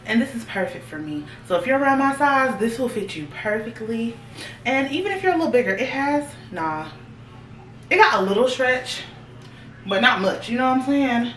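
A woman's voice: a little high, expressive, moderate pace, fairly bright tone, a little hiss or hum. A young woman, chatting casually to viewers as she tries on clothes in a fashion haul. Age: 20s. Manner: chatty, talks straight to viewers. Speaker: fashion vlogger. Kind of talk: casual try-on haul chat. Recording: echoey room, voice a little far from the mic.

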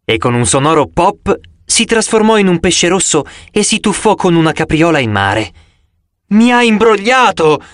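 A man reading a first-person audiobook in an expressive, theatrical way. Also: fairly high pitch, normal speed, few pauses, dry recording, studio quality. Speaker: audiobook narrator. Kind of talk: first-person scripted narration.

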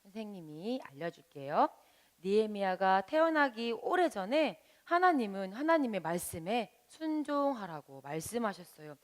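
A woman as a Sunday school teacher, gently explaining a Bible story to children and asking them questions. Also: medium pitch. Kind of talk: children's Bible lesson narration.

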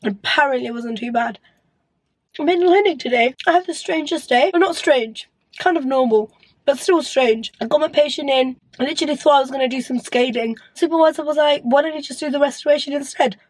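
Her high-pitched voice moves briskly as this woman in her twenties, a dental student, chats to a phone camera held at arm's length in her car and bedroom. She's recovering from having lost her voice to illness and rambles along in a chatty, self-deprecating vlog. The sound has no echo but is low quality.

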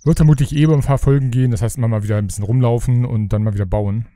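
A man's voice: mid-range voice, fairly even intonation, very fast, dark tone, no room sound. A man hosting a let's play, chatting casually and grumbling to himself as he builds. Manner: rambling, grumbles to himself, mutters asides. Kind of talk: casual gaming commentary.

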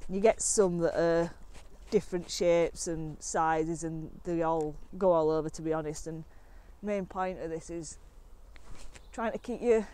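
A young woman chatting casually to camera while fishing outdoors on a lakeside bank, excitable and relaxed. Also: lowish voice, measured pace. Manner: chatty and excitable, talking to camera between catches. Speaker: angling vlogger.

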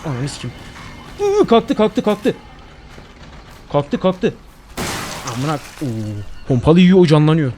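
A young man streaming a horror game, swearing a lot and jumping into loud panicked outbursts. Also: on the high side, a little hiss or hum. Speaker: gaming streamer. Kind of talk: horror game let's play.

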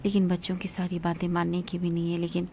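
A woman's voice: fairly low pitch, completely flat delivery, quick pace, mellow, slight background noise. A woman in her thirties chatting casually to her viewers as friends in a family vlog. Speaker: family vlogger.

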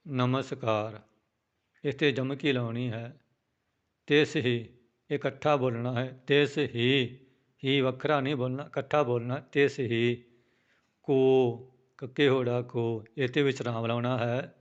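Man slowly chanting then spelling verses. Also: mid-range voice, fairly even intonation, smooth, lo-fi sound. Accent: Punjabi. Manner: slow drawn-out chanting of verses, then quick spoken spelling instructions. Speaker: scripture recitation teacher. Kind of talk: pronunciation lesson with chanted recitation.

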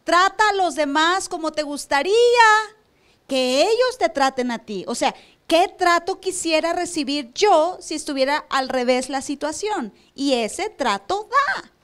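A woman's voice: high-pitched, expressive, measured pace, fairly bright tone. A woman pastor preaching a sermon to a church, asking the room rhetorical questions and acting out church members. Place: church service.

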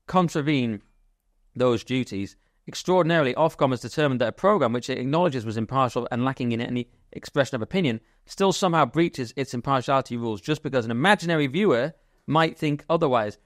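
Male podcast co-host, quick and wisecracking, dry close mic. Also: mid-range voice, dry recording. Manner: fast, jokey, animated riffing. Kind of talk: casual political chat.

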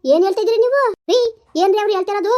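A woman's voice: very high voice, racing. A woman voicing a young village wife who sharply defends her husband. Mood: indignant. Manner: sharp, indignant questioning.

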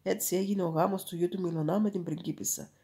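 A woman reading a fairy tale aloud in a calm, measured storytelling manner. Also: fairly low pitch.

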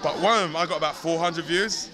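South london guy vlogging in a loud pub, high voice, swoops about, excitable. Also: fast talker. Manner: excitable, repeats phrases. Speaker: amateur video maker, YouTuber. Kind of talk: casual banter while filming. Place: busy pub, indoors. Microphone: handheld camera at arm's length. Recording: loud pub crowd chatter.

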